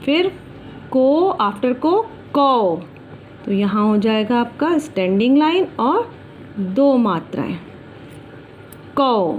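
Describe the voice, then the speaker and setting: A woman teacher giving a slow, deliberate alphabet lesson for children, drawing out each syllable for them to repeat. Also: on the high side, big pitch swings, phone-quality sound, a little hiss or hum.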